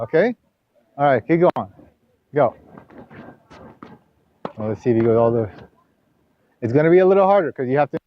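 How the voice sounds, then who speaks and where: Rambling male tennis coach. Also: a little hiss or hum. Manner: rambling, repeats himself with many restarts; rises loud and high when scolding. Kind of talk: sports coaching session. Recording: dull lo-fi camera audio.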